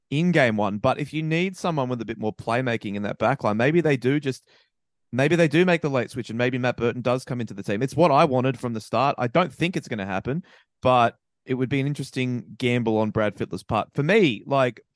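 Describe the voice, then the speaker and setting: An Australian man co-hosts a casual sports podcast, opinionated and animated, stammering when excitement takes over. His medium-pitched voice moves briskly, recorded at studio quality without echo.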